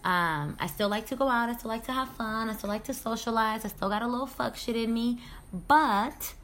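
A vlogger in her thirties talks candidly in a casual personal vlog, her voice on the high side, fairly bright and brisk. She is chatty and loose, using slang and the odd swear word.

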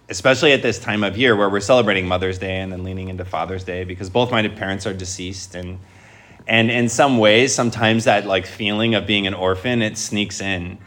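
Low-voiced male priest addressing a congregation. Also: a bit bright. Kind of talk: Gospel reading and homily to a congregation. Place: church, speaking before a congregation.

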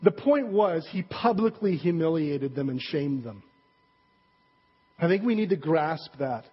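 Husky high-voiced male preacher. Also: expressive, unhurried. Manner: conversational, joking, many fillers and asides. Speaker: pastor. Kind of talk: sermon. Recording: dull recording with long hall reverb.

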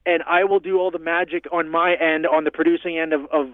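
A man's voice: fairly high pitch, little pitch movement, fairly quick, no room sound. Man on a tinny, dry phone line. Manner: easygoing, rambling explanations. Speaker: guest musician and producer. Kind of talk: casual interview chat. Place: home in northern Canada.

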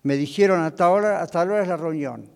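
Older man, pastor, sermon, emphatic storytelling, slightly high voice, long church reverb. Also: fast, vocal fry. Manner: storytelling preacher, acting out dialogue, emphatic.

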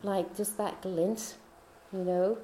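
A woman telling a personal faith story in a chatty way, laughing often and dropping into soft whispers. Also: medium pitch, steady tone, takes it slowly, echoey room, a little hiss or hum. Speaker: speaker.

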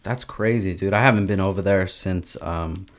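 A man in his thirties from Southern California hosting a casual podcast chat, relaxed, laughing often and calling his guest "dude". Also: sits low, moderate pace. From Oxnard, Southern California. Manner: laid-back, laughs often, says "dude" and "man" a lot. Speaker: podcast host.

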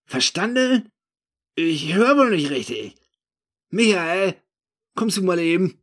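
A man voicing his own drunk, furious younger self, slurring and shouting. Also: mid-range voice, expressive, unhurried, breathy edge. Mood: angry.

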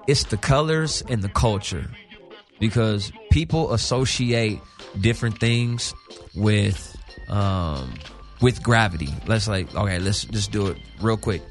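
A music artist from South Central Los Angeles, California, chats casually as a guest in a radio studio, his fairly low voice unhurried over faint music. He's emphatic and slangy, repeating himself and checking in with the listener.

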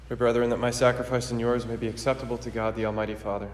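Solemn priest in cathedral-like echo. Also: male voice, mid-range voice, little pitch movement. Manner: measured, reverent, formal recitation. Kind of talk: solemn liturgical prayer. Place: large echoey church. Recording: cathedral-like echo, long hall reverb.

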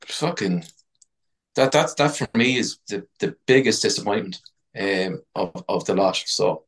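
A man's voice: sits low, animated, unhurried. A man with an Irish accent in casual sports discussion, blunt, sweary and frustrated. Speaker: football podcast panellist.

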